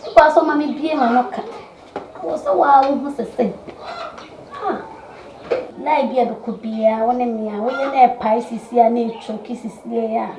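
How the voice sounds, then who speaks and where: A woman's voice: on the high side, normal speed, a little mellow, reverberant, a little hiss or hum, natural voice. An actress with a Ghanaian accent playing a bold young woman who keeps pressing a man with demands. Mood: insistent. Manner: insistent, pressing, argumentative.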